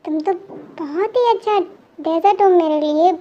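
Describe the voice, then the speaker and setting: A woman's voice: extremely high pitch, moderate pace, highs cut off. A woman voicing a playful, apologetic young husband who is a police officer, in an amateur fan dub. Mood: coaxing. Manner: coaxing, playful pleading.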